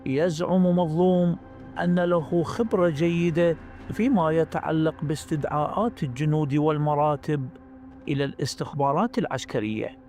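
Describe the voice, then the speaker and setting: A man with an Iraqi accent narrating a story in measured literary Arabic. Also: a little high, warm tone. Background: faint background music.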